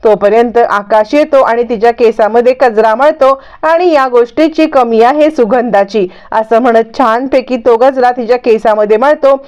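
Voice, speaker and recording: A woman tells a serial's story in a scripted recap. She links each scene with repeated stock phrases, and her voice is high. The recording sounds dull and lo-fi. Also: normal speed, few pauses, darkish tone. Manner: storytelling, repetitive linking phrases.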